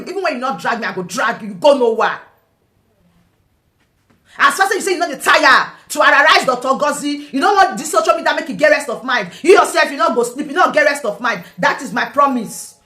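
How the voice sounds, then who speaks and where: A Nigerian woman with a bright, forceful voice, pitched a little high, delivering combative vlog commentary. She taunts and fires off rhetorical questions. Her voice bounces around an echoey room. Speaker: online political commentator.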